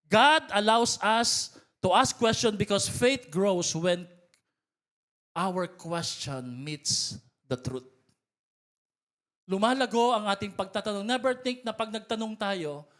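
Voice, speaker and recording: A man's voice: high voice, a bit bright. A man with a Filipino accent preaching a sermon as pastor, switching between Tagalog and English and building to emphatic calls to the congregation. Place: church hall.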